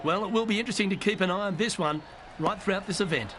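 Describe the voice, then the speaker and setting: A man's voice: high voice, fast, natural voice. A man as a golf commentator, calling play-by-play for a video game tournament. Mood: composed, pleasant. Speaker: golf commentator, lead announcer. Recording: outdoor crowd noise behind commentary. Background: crowd and outdoor course ambience.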